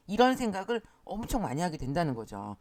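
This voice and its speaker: A woman's voice: on the low side, very animated, normal speed, a little mellow. A woman giving an explanatory lecture, often starting sentences with a prompting word and briefly acting out the lines she quotes. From Korea.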